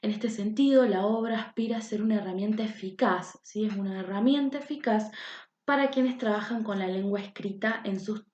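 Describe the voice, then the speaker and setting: A woman's voice: medium pitch, moderate pace, a little mellow. A young woman, a university student presenting a class lesson with many hesitations and fillers. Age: young adult. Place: room at home. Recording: echoey, dull lo-fi home recording.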